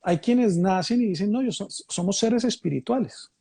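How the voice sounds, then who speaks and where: A man born in Mexico and brought up in Colombia leads a thoughtful conversation, repeating and rewording his points as he goes. His high voice is gravelly, dark, and slightly rough, at a normal pace.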